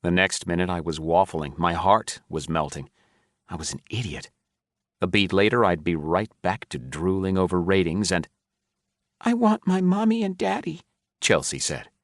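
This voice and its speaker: A man narrates a first-person audiobook with a wry, self-mocking edge. His voice sits very low, and the read is close and dry, with no room sound. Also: moderate pace, fairly bright tone, no echo.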